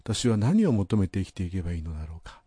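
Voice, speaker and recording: A man's voice: deep voice, very animated, fast talker, warm tone, breathy edge, no echo. A man sharing a thoughtful, personal sermon reflection in a conversational way. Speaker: pastor.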